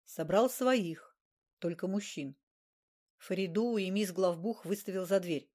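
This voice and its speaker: A woman reading a crime novel aloud with steady, even narration. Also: medium pitch, unhurried. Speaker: audiobook narrator. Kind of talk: scripted narration.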